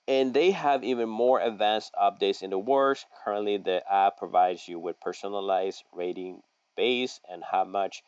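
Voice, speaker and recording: A middle-aged man with a low voice walks through a screen-share lesson, reading an article aloud and stopping often with "uh" and restarts. The sound is dry and a little dull, recorded at a desk mic in a home office. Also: clean tone, no echo. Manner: halting, many fillers and restarts, folksy asides. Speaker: local online marketing consultant. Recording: dry, slightly dull audio.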